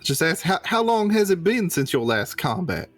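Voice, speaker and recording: A man's voice: high-pitched, sing-song, moderate pace, fairly bright tone, soft background music. A man playing a tabletop game, improvising in-character chat in a hesitant, politely worded way.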